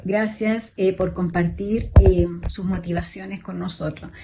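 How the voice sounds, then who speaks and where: A woman moderating an online writers' panel in a measured way, with frequent fillers, over a video call. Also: on the low side, steady tone, background noise.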